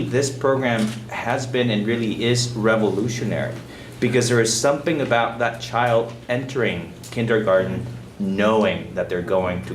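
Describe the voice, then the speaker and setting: A man from Guatemala, a city supervisor, speaking earnestly on a panel and often restarting his phrases. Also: fairly low pitch. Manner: earnest, personal, repeats words when starting phrases. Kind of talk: panel discussion remarks. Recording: roomy, distant public-address sound with faint noise.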